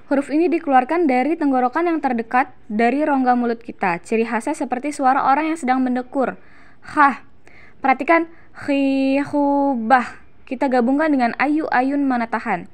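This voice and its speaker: A young Indonesian woman explaining Quran recitation letter by letter and sounding out syllables slowly and drawn out as examples. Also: sits high. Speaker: student presenting a Quran recitation lesson. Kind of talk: instructional explanation with slow demonstrations.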